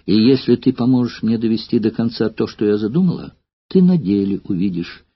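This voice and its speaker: A man voicing a young Greek courtesan who coaxes softly and hushed, scheming and jealous, in an audiobook reading. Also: lowish voice, brisk, breathy edge. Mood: bitter resolve. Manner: soft, pleading, hushed and intimate. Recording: slightly dull lo-fi recording.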